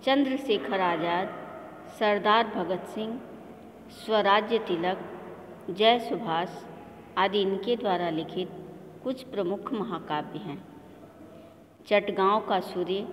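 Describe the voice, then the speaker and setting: A woman teaching a school lesson to children, slowly and deliberately explaining a poem and its word meanings. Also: medium pitch, slight background noise. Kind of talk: Hindi class lesson, reciting a poem. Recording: echoey room with faint ambience.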